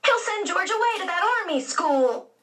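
A woman's voice: very high-pitched, expressive, normal speed, fairly bright tone, distant mic, voice pushed up. A woman voicing a young girl in a children's storybook reading, talking in an earnest, pleading way. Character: young girl, George's anxious sister.

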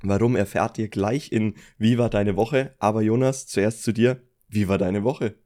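Hoarse, low-voiced man with his voice giving out. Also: steady tone, normal speed, dark tone. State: voice partly gone, hoarse from a hangover. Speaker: podcast host. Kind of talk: casual podcast chat.

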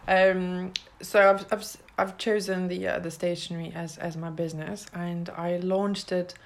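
A woman's voice: fairly low pitch, level tone, moderate pace, vocal fry. A woman in her thirties from Lithuania, a native Lithuanian speaker, telling her story as a guest in a casual interview, earnest and hesitant with fillers. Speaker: business founder, guest.

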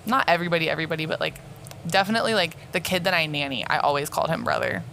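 Bright-voiced young woman, giggly and chatty. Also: deep voice, rapid-fire, vocal fry, a little hiss or hum. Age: young adult. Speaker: podcast co-host. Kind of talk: casual chat.

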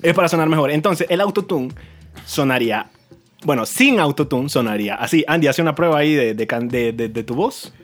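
A man's voice: on the high side, fairly quick, soft background music. A man hosting a casual joking chat, laughing often and rambling as he talks. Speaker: host.

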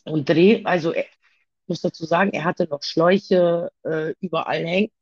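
A woman talking haltingly about her own past in a personal conversation, with many pauses and fillers. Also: on the low side, steady tone, breathy edge, highs cut off.

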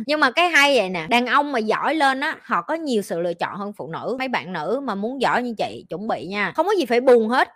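A woman's voice: medium pitch, a bit bright. A middle-aged woman, hosting a podcast Q&A as a life coach, giving blunt, scolding and slangy advice.

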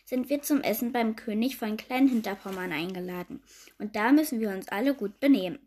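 A woman voicing a fussy, prim queen who is anxious about manners, reading the rules aloud a little louder. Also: on the high side, brisk, close to an everyday voice.

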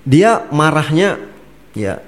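A man's voice: on the high side, slow pace. A man, an Islamic preacher, explaining religious points in a casual talk, chuckling and acting out the people in his examples. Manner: lively, laughing, acts out angry speakers.

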